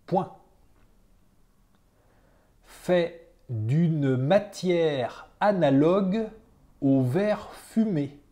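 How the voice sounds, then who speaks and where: Reading a dictation aloud, a teacher repeats every phrase several times and names the punctuation marks. The voice is warm and mid-range, and the phrasing careful and deliberate.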